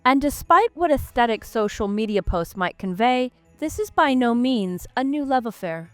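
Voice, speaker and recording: A woman's voice: fairly high pitch, clear, resonant tone, no echo. A woman reading a scripted narration with wry, playful asides.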